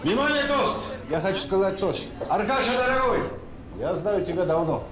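An actor playing an effusive party guest giving a declamatory birthday toast in a screen drama. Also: male voice, high voice, lively intonation, normal speed. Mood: hearty, celebratory. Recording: roomy echo with clinking tableware.

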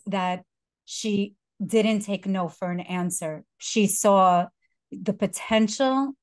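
A woman hosting an interview, earnest and emotional, pausing with fillers as she looks for words. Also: mid-range voice, dry recording, clean studio sound. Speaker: podcast host.

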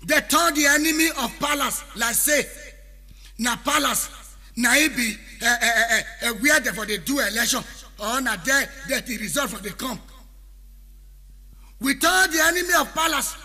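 Nigerian musician with an Edo Pidgin accent, very high sharp voice, preachy half-sung spoken word over music in a long echo. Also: male voice, moderate pace. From Benin City, Nigeria. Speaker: highlife musician. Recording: long reverb with backing music.

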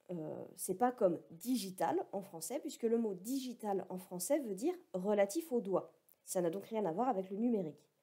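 A woman teaches a recorded lesson, explaining carefully and dropping the odd wry aside. Her voice is very dark and mellow, with a slight husky edge. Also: medium pitch. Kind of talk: recorded lecture.

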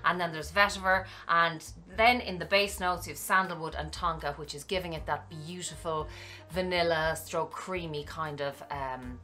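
A woman's voice: low-pitched, fairly even intonation, normal speed, sharp tone, faint music behind. A woman chatting to camera as a luxury handbag and fragrance vlogger, effusive and full of thanks to her viewers. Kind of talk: casual vlog chat to camera.

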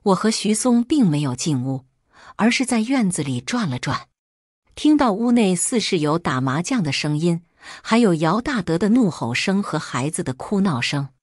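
A woman reading a first-person story as scripted narration, steady and even. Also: lowish voice, moderate pace, no room sound, clean studio sound.

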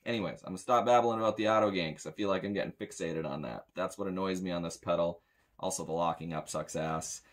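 A fast-talking American in his thirties with a low voice gives a rambling, casual gear review as a sound tech, blunt and grumbling throughout. He's in a small indoor room with metal shelving.

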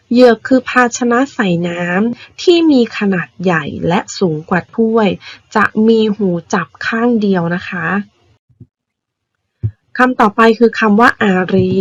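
A woman primary school teacher patiently explaining vocabulary words to young children, spelling them out slowly. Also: mid-range voice, husky, no echo, highs cut off. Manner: patient, spells words out slowly, ends phrases with polite particles.

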